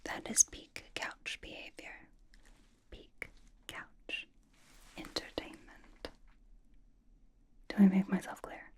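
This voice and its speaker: This lightly acted ASMR roleplay features a woman as a bossy yet playful young pop idol. She issues slow, mock-stern directions in a breathy whisper.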